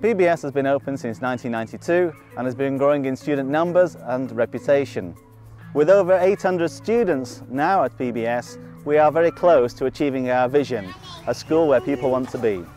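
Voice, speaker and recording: A man who heads a primary school, giving a measured, formal scripted presentation. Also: mid-range voice, darkish tone, faint music behind. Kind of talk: scripted promotional talk.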